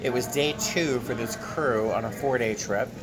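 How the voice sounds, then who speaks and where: A man's voice: mid-range voice, normal speed, crowd noise, poor audio. A tired man chatting casually to his handheld camera as a flight attendant vlogger, recorded in an airport terminal. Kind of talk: casual vlog chat to camera. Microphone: handheld camera at arm's length. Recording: clear airport background noise.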